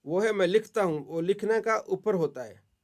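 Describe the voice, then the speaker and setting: A man teaching an online Arabic grammar class, patiently correcting students and praising them often. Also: sits high.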